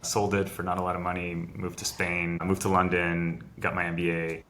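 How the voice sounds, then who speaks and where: A middle-aged French biotech founder, a guest in a casual video interview, explains a long process step by step, restarting now and then. His deep voice is sharp in tone, with flat delivery and moderate pace. There's a little hiss or hum.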